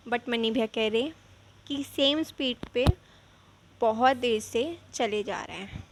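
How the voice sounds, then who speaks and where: A young woman telling a real-life ghost story in a chatty, animated way, with frequent asides. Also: a little high, slow pace, noisy background. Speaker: vlogger. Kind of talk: casual storytelling.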